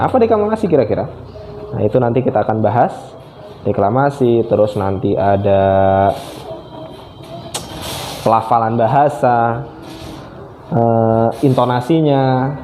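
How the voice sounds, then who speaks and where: A man's voice: mid-range voice, warm tone, a little hiss or hum. Chatty man teaching a children's lesson. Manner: chatty, friendly, often starts phrases with a filler. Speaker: primary school teacher. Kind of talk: online classroom lesson for children.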